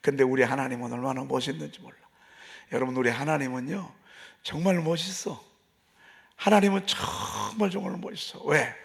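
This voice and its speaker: A man's voice: mid-range voice, moderate pace, gravelly. A male pastor preaching a dawn service sermon in a folksy, emphatic way, repeating phrases and asking the congregation questions. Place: church sanctuary.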